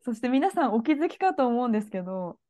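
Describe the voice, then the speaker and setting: A woman co-hosting a podcast in casual chat, animated and playful. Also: fairly high pitch, fast. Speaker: podcast co-host.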